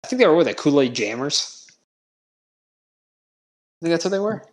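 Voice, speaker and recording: A man's voice: on the high side, very animated, moderate pace. A man co-hosting a podcast in casual, informal chat with a self-deprecating way of talking. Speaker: podcast co-host.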